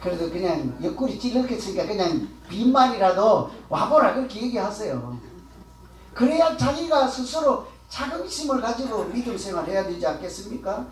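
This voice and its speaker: A man's voice: high voice, very animated, normal speed. A man preaching a sermon as pastor, talking in a conversational way, asking the congregation questions and acting out quotes. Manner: acts out the quoted words of others. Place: church sanctuary. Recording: echoey hall, voice from far off.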